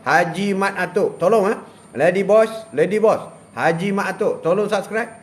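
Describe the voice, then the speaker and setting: An older man from Malaysia hosting a casual live stream, giving religious advice in an animated way, laughing and reading viewer comments aloud outdoors. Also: high-pitched, normal speed. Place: outdoors beside a plantation.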